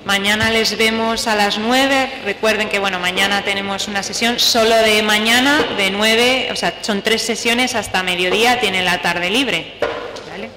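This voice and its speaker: A woman moderator closes the session and gives the audience practical reminders in a friendly, joking tone. Her voice sounds roomy with a long tail of reverb. Clear room noise sits under her. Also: medium pitch, fairly even intonation, normal speed. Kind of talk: closing announcements. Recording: roomy hall from a distance with noise.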